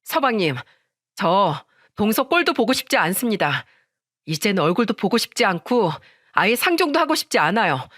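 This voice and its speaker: A woman voicing a wronged wife who shouts and pleads in a narrated story. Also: medium pitch, big pitch swings, moderate pace, no echo, studio quality. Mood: furious. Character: wronged wife, furious and tearful.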